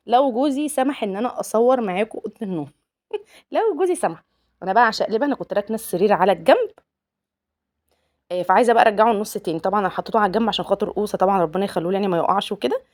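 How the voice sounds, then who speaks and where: A young woman with an Egyptian accent, chatting with viewers in a home vlog while she cleans her apartment, laughing often. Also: on the high side. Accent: Egyptian Arabic. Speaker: home vlogger, mother.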